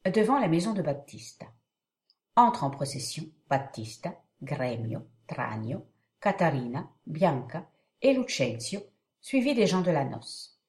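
A woman's voice: deep voice, very animated, measured pace, a little mellow. A woman reading a play's stage directions and character names as scripted narration. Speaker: solo reader of a play.

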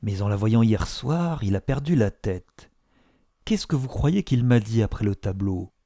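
A man's voice: on the low side, lively intonation, a little slow, dark tone, no room sound, clean studio sound. A man voicing a teasing society lady. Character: society woman, mocking and laughing.

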